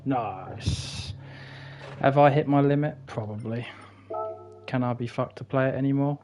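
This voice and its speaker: A man's voice: mid-range voice, fairly even intonation, brisk, music in the background. A man streaming a racing game in casual commentary, swearing and mocking himself as he drives. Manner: sweary, self-mocking, mutters wryly to himself. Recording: loud game engine noise behind voice.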